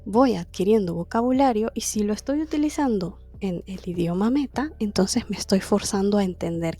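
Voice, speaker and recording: A woman with a warm, mid-range voice teaches a language class to camera, explaining her methods conversationally and often posing rhetorical questions to herself.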